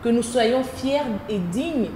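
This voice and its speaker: A social entrepreneur from the Democratic Republic of the Congo, a woman with a Congolese French accent, answers as a guest in a conversational interview, repeating phrases for emphasis. Her voice is on the high side, expressive and warm, and she takes it slowly. She's indoors at her own premises, and the recording has a roomy echo with background noise.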